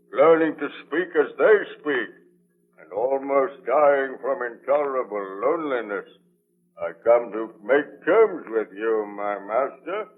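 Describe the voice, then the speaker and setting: A man playing an anguished, vengeful monster in a 1930s radio drama, speaking in a portentous, declamatory way. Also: medium pitch. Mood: slow, menacing. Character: anguished, vengeful male monster, lonely man-made creature. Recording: tinny band-limited 1930s radio broadcast.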